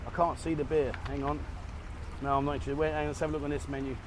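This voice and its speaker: A man's voice: fairly high pitch, level tone, rapid-fire, noisy background. Chatty man vlogging at a cafe. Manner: chatty and rambling, laughs at his own slips. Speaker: travel vlogger. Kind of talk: casual vlog chat to camera. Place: cafe in Thailand, partly outdoors.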